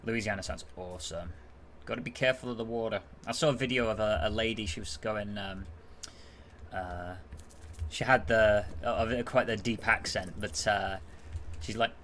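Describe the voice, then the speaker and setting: A British man with a fairly low voice commentates a strategy game on a live stream. He is chatty and loose, breaking off mid-move to answer viewers. A faint room ambience hangs behind him. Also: fairly even intonation, moderate pace, a bit bright, slight background noise. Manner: chatty, reads and answers chat while playing. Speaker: gaming streamer.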